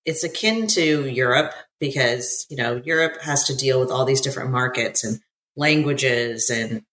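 Speaking at a normal pace in a bass, slightly bright voice, an American woman keeps things chatty as an interview guest, laughing readily and using many fillers. Slight background noise is present in this casual conversation.

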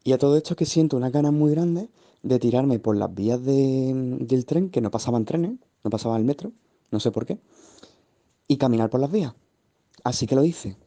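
Man, very dark timbre, rambling storyteller, guest. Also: medium pitch, expressive, normal speed. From Seville, Spain. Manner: vivid, meandering retelling with asides. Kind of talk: personal storytelling.

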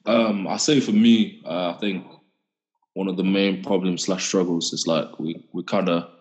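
A young Englishman in his twenties speaks with a deep, husky voice and an English accent. He talks colloquially, in a reflective podcast style. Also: steady tone, normal speed. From England. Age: 20s. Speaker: podcast panellist. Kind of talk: casual reflective podcast chat.

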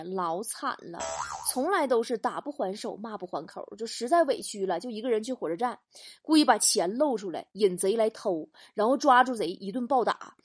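Lively woman host with a bright, swooping delivery who tells comic stories and laughs at her own jokes. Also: on the high side, husky. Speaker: comedy talk show host. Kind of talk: comic storytelling monologue.

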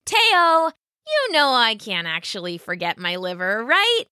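Woman putting on a squeaky little rabbit girl. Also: unhurried, clear, resonant tone, no echo, clean studio sound, exaggerated voice. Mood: earnest. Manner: squeaky, excited and pleading. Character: clever young female rabbit, quick-witted.

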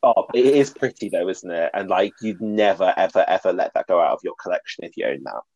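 A man's voice: sits low, lively intonation, fairly quick, darkish tone, no echo, dull audio. A man co-hosting a podcast, chatting about reality TV in a gushing, chatty way. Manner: chatty and gushing, with frequent laughs and fillers. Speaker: podcast co-host. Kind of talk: casual chat about reality TV.

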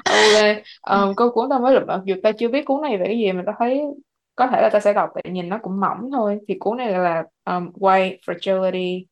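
A woman's voice: medium pitch, brisk. A woman co-hosting a casual book podcast, talking in a chatty way with many fillers and English words mixed in. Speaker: podcast co-host. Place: lives in the US.

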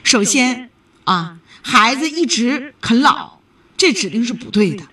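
A woman's voice: on the high side, expressive, unhurried, pushed and bright, distant mic. A woman hosting a call-in advice show, lecturing callers firmly and raising her voice to get through to them. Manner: firm, lecturing, raises her voice. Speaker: radio advice host.

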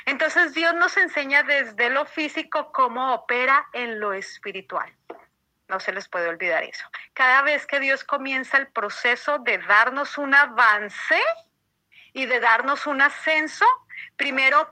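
A woman's voice: high-pitched, bright, forceful tone, low-quality recording. A woman preaching a sermon to her congregation, emphatic, repeating her phrases and firing questions at the listeners.

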